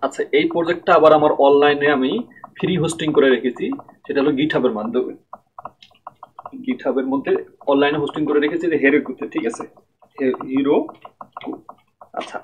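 A man's voice: medium pitch, dull audio, background noise. A man giving a screen-recorded programming tutorial at his computer, explaining step by step and often checking that listeners follow.

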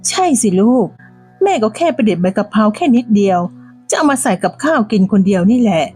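A woman voicing a bossy, teasing elderly village woman who talks in a shrill, dismissive way. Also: animated, brisk, dark tone, slightly rough, soft background music. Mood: whiny.

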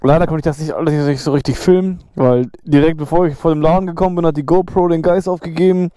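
A young motovlogger with a fairly high voice talks fast with fairly even intonation as he rides his motorcycle in the rain. He chats casually, full of slang, swearing, and laughter. The recording is dry but filled with loud road and engine noise.

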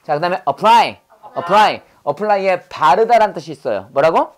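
A man's voice: sits high, expressive, measured pace. A middle-aged male pastor teaching English vocabulary, asking quiz questions and having the class repeat words after him. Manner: drills words, asks quiz questions, corrects pronunciation. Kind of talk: classroom lesson with call-and-response drills.

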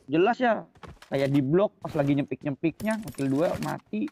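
A man's voice: on the high side, moderate pace, a little hiss or hum. Young male gamer, raised voice, rowdy teasing banter, faint gunfire under it. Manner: loud, excitable, teasing, swears often. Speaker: mobile game player. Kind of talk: casual gaming banter.

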